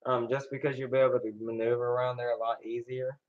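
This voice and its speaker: A man's voice: mid-range voice, flat delivery, fast talker. A man chatting casually in a rambling, hesitant way, as if thinking aloud. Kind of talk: casual chat. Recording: dull lo-fi sound.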